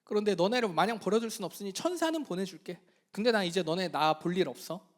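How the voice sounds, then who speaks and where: A man's voice: sits high, animated, fast. A man doing a pouting, huffy God. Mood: sulky. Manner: pouty, huffy, muttering. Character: sulking, offended God pouting.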